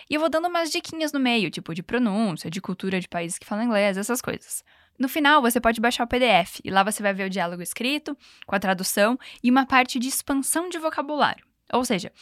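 A woman's voice: fairly high pitch, fairly bright tone, no echo, studio quality. Woman hosting an upbeat language lesson. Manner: upbeat, playful, switches between Portuguese and slow English examples. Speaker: English teacher and podcast host.

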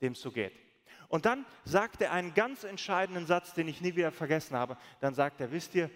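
Man, pastor, sermon, high-pitched, animated storyteller, long hall reverb. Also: a little fast. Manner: storytelling, animated, acts out quoted voices.

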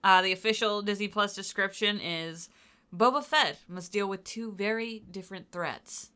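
Woman co-hosting a podcast, bright and chatty, um-ing through show notes, morning voice. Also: medium pitch, moderate pace, smooth. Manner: chatty, reads out episode details with fillers. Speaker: podcast co-host. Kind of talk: casual chat.

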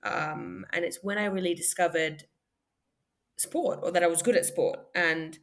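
Young adult woman from Australia, low-pitched, reflective podcast guest, hesitant restarts. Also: fairly even intonation, a little slow. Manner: thoughtful, frequent ums and restarts, light laughter. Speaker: podcast guest, former sprinter. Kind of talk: reflective conversational interview.

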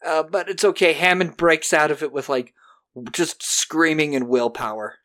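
Male podcast co-host, slightly high voice, casual film recap, slips into characters as he goes. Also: moderate pace, a bit bright. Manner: animatedly acts out characters' lines.

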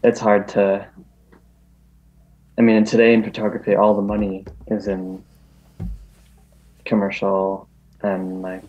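A man's voice: fairly low pitch, completely flat delivery, slow pace, pauses often, darkish tone, slight background noise. A man speaking as an interview guest in casual talk, hesitant, with many ums and restarts. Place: New York. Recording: dull lo-fi recording.

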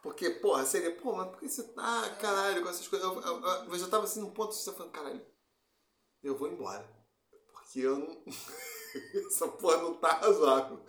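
A man's voice: sits high, brisk, fairly bright tone, reverberant. A man co-hosting a casual podcast chat, talking bluntly and swearing often, with frequent restarts. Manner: blunt and profane, many restarts. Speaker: podcast co-host.

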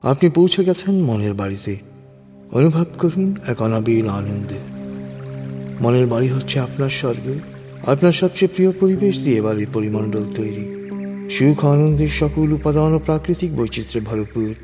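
A man leading a guided meditation in a slow, calming hypnotist manner, with a soft, husky voice. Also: medium pitch. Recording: long reverb over background music. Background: music.

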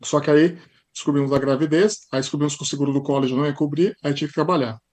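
A man from Brazil with a São Paulo Portuguese accent, a podcast guest telling stories in a lively casual way with frequent tag questions. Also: a little high, quick pace. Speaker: podcast guest, high school teacher. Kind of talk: casual interview storytelling.

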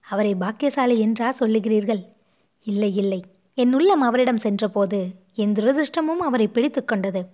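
A woman's voice: a little high, normal speed, mellow, natural voice. A woman voicing a distraught young noblewoman who pleads and sobs with guilt, in a storybook reading. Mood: pleading. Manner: pleading, sobbing between words.

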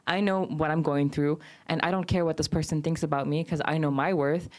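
Low-pitched young woman guest, upbeat, casual, filler-heavy. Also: fairly even intonation, a little fast. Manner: upbeat, frequent "like" and "you know" fillers. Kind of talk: casual interview talk.

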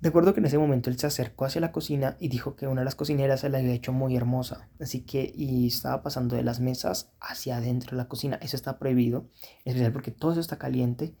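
A man recounts his own misadventures in a candid, rambling, self-critical manner. His voice is gravelly and husky, with a dark, mellow tone. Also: medium pitch, fairly even intonation, fast talker. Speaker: storyteller. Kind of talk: casual first-person storytelling.

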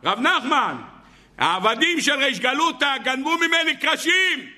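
A man doing a shrill indignant old grandmother. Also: lively intonation, pushed and bright, exaggerated voice. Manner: shrill insistent pleading.

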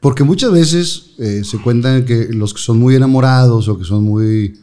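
Mellow Mexican interview host. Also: male voice, medium pitch, moderate pace. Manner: relaxed, asks short questions. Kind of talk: casual interview.

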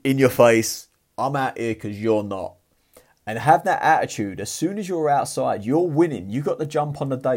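A man's voice: mid-range voice, darkish tone. A man giving a blunt, profane motivational talk in a casual, fired-up way. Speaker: motivational vlogger.

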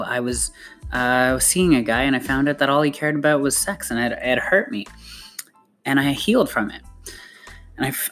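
A mother talking casually and earnestly about healing and parenting, often restarting her sentences. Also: a bass voice. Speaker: mother giving self-help advice. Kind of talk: casual motivational talk.

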